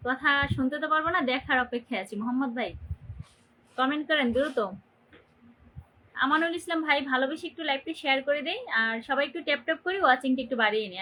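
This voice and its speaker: On a rough recording with a little hiss or hum, a young woman hosts a casual livestream from her phone in Barisal, Bangladesh. Her high-pitched voice sounds pushed and bright while she greets viewers by name and happily nudges them to comment and share.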